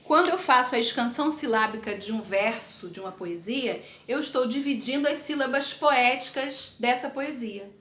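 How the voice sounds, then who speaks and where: A woman's voice: sits high, lively intonation, normal speed, few pauses, sharp tone, roomy sound, slight background noise. A woman teaching a recorded literature class, explaining terms step by step and checking in with her students. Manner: explanatory, checks in with tag questions.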